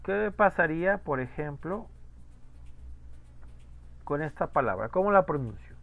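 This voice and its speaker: A man's voice: a little high, animated, measured pace, gravelly, phone-quality sound. A man teaching French pronunciation in an online class, patiently repeating rules and asking students questions.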